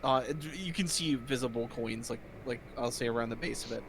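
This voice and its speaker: A man's voice: medium pitch, brisk, fairly bright tone, slight background noise. A man working as game master, narrating a tabletop role-playing game in an informal way. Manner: informal, with spoken sound effects. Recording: music behind the voice.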